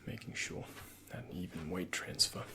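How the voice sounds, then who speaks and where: In this ASMR roleplay, a soft-spoken man takes the part of a doctor, giving gentle guidance and reassurance in a breathy voice that often drops to a half-whisper. He keeps a moderate pace, and a slight hiss or hum runs through the audio.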